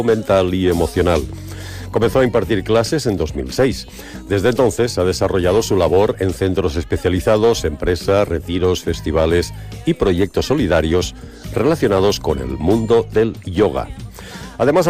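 A man's voice: lowish voice, darkish tone. A man hosting a radio interview, reading a scripted introduction and then chatting with filler words. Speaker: radio host.

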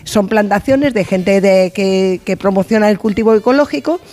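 A woman's voice: medium pitch, moderate pace, mellow. A woman from the studio audience chats on a radio show, talking hesitantly with many fillers. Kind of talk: casual chat on a radio show.

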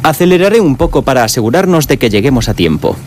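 An actor playing a polite, unflappable and pedantic chauffeur in an audio drama, speaking formally and deliberately. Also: male voice, mid-range voice, big pitch swings, slight background noise, close to an everyday voice.

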